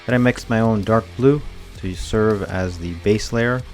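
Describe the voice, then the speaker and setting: A man in his thirties with a fairly low voice walks through each craft step in a relaxed, matter-of-fact way. It is a casual tutorial voice-over. Faint music plays underneath. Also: unhurried. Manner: relaxed, plain step-by-step explaining. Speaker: cosplay prop maker. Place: home workshop, indoors.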